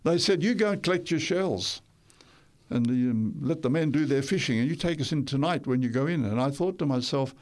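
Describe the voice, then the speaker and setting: An elderly man from Tonga, interviewed on the radio, tells his life story in a lively, rather quick voice that sits at mid pitch and leans dark. Now and then he chuckles, and he tends to ramble, restart, and correct himself.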